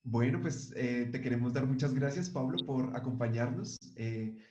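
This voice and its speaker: A man interviewing a guest, asking questions in a halting, friendly way with many fillers. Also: mid-range voice, warm tone. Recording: echoey, dull lo-fi room sound.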